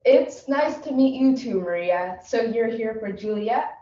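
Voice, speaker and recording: Brief: impatient casting director, played by a woman, deliberate and dry, dull distant sound. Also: a little high, expressive, mellow, slight background noise. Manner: clipped, dry, quick instructions. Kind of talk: competitive humorous interpretation. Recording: echoey room, distant mic, dull sound.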